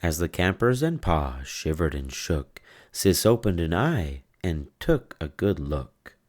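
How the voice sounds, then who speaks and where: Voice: deep voice, very animated, slow, a little mellow. A narrator reading a children's storybook aloud from a script.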